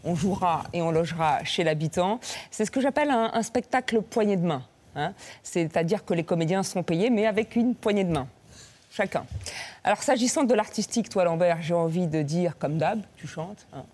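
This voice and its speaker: A woman's voice: on the low side, expressive, normal speed, darkish tone. A woman doing a playful comic column on a TV talk show, joking with the guests and breaking into bits of song and silly voices. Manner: playful, bursts into sung lines and silly voices. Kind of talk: comic sketch with snatches of song. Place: TV studio.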